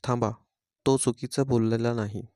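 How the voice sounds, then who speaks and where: A man's voice: medium pitch, steady tone, normal speed, mellow, dry recording, studio quality, lightly acted. A man voicing an anxious young man who questions injustice and pleads for answers in a storybook reading. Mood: troubled.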